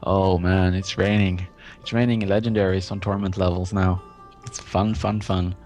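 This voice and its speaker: Low-voiced male guest, eager and halting, faint music behind. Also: flat delivery, a little mellow. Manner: eager, halting, frequent uhs and self-corrections. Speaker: podcast guest. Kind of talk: casual gaming podcast chat.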